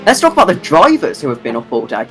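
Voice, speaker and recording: Brief: male commentator, running on no sleep, rambling, very animated pitch. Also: fast talker, soft background music, low-quality recording. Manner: tired, rambling, self-deprecating. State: sleep-deprived. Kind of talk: sim racing commentary.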